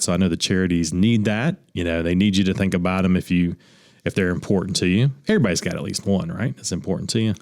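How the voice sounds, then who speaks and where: Man, very deep voice, casual radio chat, dry close studio mic. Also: no echo. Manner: easygoing, trails off in restarts. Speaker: attorney co-host.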